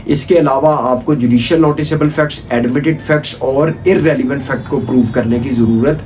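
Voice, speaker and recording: In an informal, exam-oriented law lecture, a Pakistani-accented man repeats points, asks rhetorical questions and mixes in English legal vocabulary. His voice is medium-pitched and darkish, fairly quick, with fairly even intonation and a little hiss or hum in the recording.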